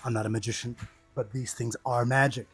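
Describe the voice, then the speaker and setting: A man with a mid-range, flat voice talks a little fast as he dresses indoors at home, demonstrating his cycling rain gear for his vlog. He narrates playfully in short slangy bursts, full of exclamations and catchphrases.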